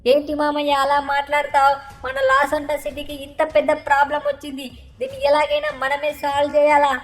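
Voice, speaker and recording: Woman doing a high little whiny boy, game parody dub, nags his uncle nonstop, kinda flat tune. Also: a little fast, lightly acted. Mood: eager. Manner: nags constantly, repeating 'uncle'. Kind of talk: fan-dubbed game parody.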